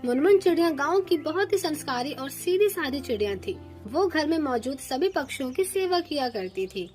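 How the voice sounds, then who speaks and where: High-voiced woman storyteller, steady cartoon narration, soft music behind. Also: normal speed.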